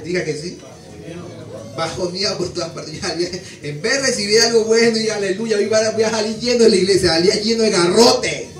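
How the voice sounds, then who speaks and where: A man preaches his own story with raw feeling, turning to the congregation as brothers. His voice sits high for a man. It echoes through a church hall with music playing behind him. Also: far from the mic. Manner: emotional, keeps addressing listeners as "hermano". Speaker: preacher giving testimony. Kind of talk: sermon testimony.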